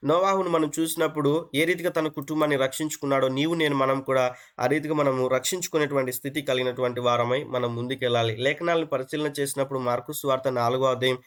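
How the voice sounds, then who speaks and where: A man's voice: medium pitch, steady tone, rapid-fire, clean tone. A man preaching an interactive sermon who asks his listeners questions, repeats phrases, and mixes English words into his speech. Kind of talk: interactive sermon on an online call.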